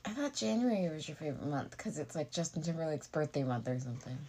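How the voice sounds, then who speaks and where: A woman's voice: low-pitched, expressive, quick pace, mellow, slight background noise. Playful young woman co-host. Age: 20s. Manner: playful, teasing banter. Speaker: podcast co-host. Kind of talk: casual chat.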